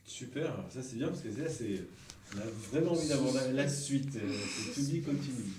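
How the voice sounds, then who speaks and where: A man's voice: mid-range voice, normal speed. A man gives encouraging, casual prompts, stopping on small fillers as he goes. He stands back from the microphone, so his voice comes across distant and roomy, with a faint hiss behind it. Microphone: away from the microphone. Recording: echoey room, voice far from mic, faint noise.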